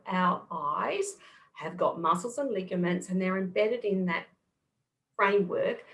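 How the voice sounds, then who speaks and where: A woman's voice: medium pitch, gravelly, a bit bright. A middle-aged woman with an Australian accent, a guest on a podcast, explaining things patiently. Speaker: guest kinesiologist. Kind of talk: podcast interview.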